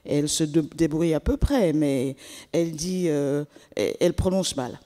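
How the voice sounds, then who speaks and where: A woman telling a children's story at a church service, animated and acting out each child. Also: sits low, moderate pace. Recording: echoey church hall.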